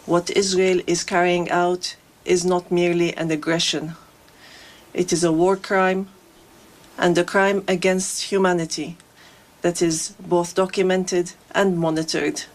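Female interpreter, translation voice-over, low, flat, measured delivery.

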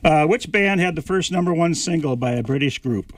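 A man hosting a radio call-in trivia show, easygoing and laughing with callers, his voice going hoarse. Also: on the high side, lively intonation, brisk, no room sound. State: losing his voice. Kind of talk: casual radio chat.

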